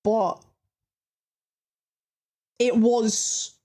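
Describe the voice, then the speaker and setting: A woman hosting a reaction video, talking in a slangy, halting way as she thinks aloud and gives ratings. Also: a little high, flat delivery, warm tone. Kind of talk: casual reaction commentary.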